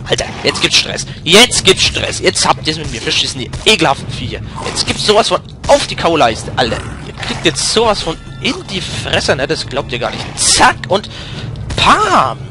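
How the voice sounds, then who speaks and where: Excitable young man commenting a game. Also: a little high, fairly quick, few pauses, music in the background. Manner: slangy, swings from mumbling to loud outbursts during fights. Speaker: let's play host. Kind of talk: German let's play commentary.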